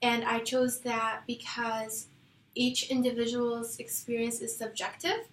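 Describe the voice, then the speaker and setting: A woman's voice: on the high side, fairly even intonation, measured pace, soft background music. A young woman from Iraq presenting her research proposal to classmates, hesitant, with fillers and self-corrections. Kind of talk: casual class discussion. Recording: echoey room with faint noise.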